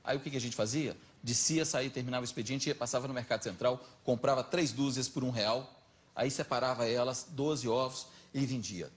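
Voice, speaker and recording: A middle-aged man with a Minas Gerais accent, telling anecdotes as a talk show guest in an animated, chatty way. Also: medium pitch, brisk. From Minas Gerais, Brazil. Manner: lively anecdotal, animated retelling. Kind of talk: casual storytelling chat.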